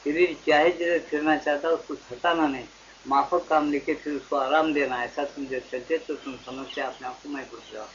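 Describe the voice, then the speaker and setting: A man's voice: a little high, fairly even intonation, normal speed, a bit bright. An older Indian man giving a devotional discourse to a gathering. He keeps asking his listeners questions and acts out little back-and-forth dialogues. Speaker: spiritual teacher. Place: satsang gathering hall. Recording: dull lo-fi archival tape with faint hiss.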